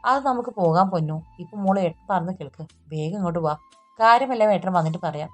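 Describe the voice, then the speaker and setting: A woman voicing a steady young man who speaks calmly and earnestly in an audiobook story. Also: lowish voice, fast talker, soft background music, lightly acted. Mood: soothing. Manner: calm, earnest, soothing.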